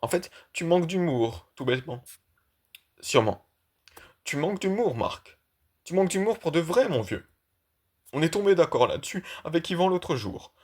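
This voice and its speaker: A man voicing a self-satisfied middle-aged art collector in an audiobook reading of a play, talking in a lively, teasing way. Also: a little high, normal speed, long pauses, breathy edge, voice pushed up.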